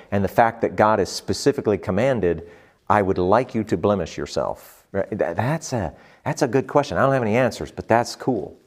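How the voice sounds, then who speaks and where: A man leading a group Bible study, teaching and asking the group questions. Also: on the low side. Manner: animated, asks the group questions.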